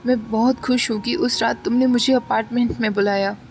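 Eager, heartfelt young man in a read-aloud storybook, voiced by a woman narrator, affectionate, high-set voice. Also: steady tone, fairly quick, a little mellow, faint music behind, lightly acted. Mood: tender. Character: warm emotional young man, openly affectionate.

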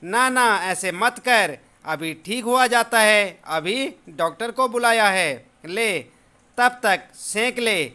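Fretful storybook mother soothing her boy, read by a male teacher, bright and high. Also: lively intonation, slow pace, clean tone, heavily acted. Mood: coaxing, anxious. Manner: coaxing, fussing. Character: worried caring mother of a sick boy.

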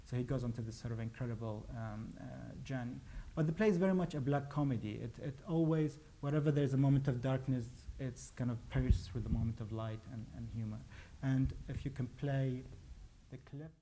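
This Iraqi playwright, a man in his forties, talks a little fast in a mellow, mid-range voice while lecturing about his plays on a stage with a pale wall behind him. His delivery is hesitant, full of restarts.

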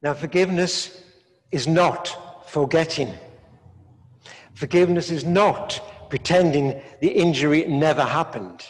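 An older man, a priest, preaching a sermon in slow, measured phrases with long pauses, recorded in a large stone church. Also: fairly high pitch, husky. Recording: echoey church from a distance.

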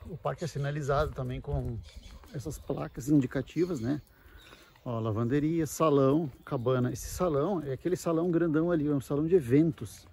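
Brisk and husky, with a warm tone, this man's voice sits on the high side. He's a camping vlogger strolling around a wooded campground, explaining casually into a handheld mic with frequent conversational check-ins, and the outdoor audio picks up plenty of noise.

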